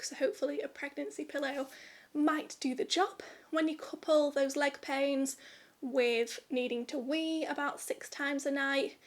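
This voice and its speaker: A young woman vlogging to camera in a candid, rambling, chatty way. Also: sits high. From United Kingdom. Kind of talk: casual chat to camera.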